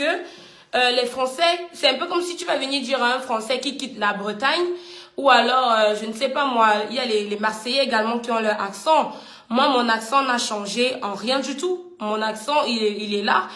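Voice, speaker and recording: A woman's voice: on the high side, a bit bright, echoey room. A woman with a Cameroonian accent ranting in heated commentary, indignant and combative, often repeating herself. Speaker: vlogger.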